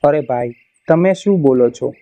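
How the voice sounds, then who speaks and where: A man's voice: fairly high pitch, normal speed, close to an everyday voice. A man voicing a humble pleading old woman. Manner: pleading, imploring. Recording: slightly muffled, soft music behind.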